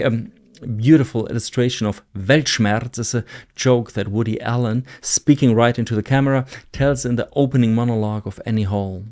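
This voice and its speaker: A man's voice: medium pitch, darkish tone. Chuckling man musing. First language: German. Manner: digressive, chuckling asides. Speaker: video essayist. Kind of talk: reflective spoken essay.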